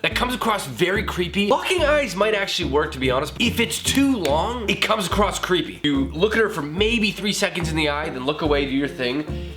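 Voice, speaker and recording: A man's voice: high voice, sing-song, a little fast, music in the background. A hungover man hosting a casual comedic vlog, talking to camera in a goofy, jokey way with casual swearing. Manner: jokey, goofy, breaks into giggles and exclamations. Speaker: video creator and host.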